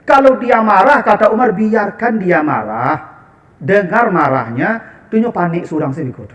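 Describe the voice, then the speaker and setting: A man with a Minangkabau accent preaching a lively, humorous sermon and speaking directly to the women in the audience. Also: high voice, normal speed. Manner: animated, humorous, addressing the women as "ibu".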